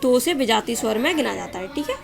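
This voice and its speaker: A woman with a high voice teaches a grammar lesson for exam students. She poses quick questions and answers them herself, and she stretches out sounds to show how long each one is. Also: animated, vocal fry, music in the background. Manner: asks and answers her own quiz questions; drags out vowels to show their length.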